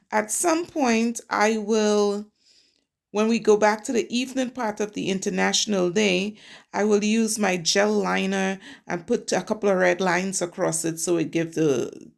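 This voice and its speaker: The speaker is a middle-aged woman from Trinidad and Tobago, a nail technician casually narrating a tutorial and chatting through each step. Her voice is mid-range and gravelly.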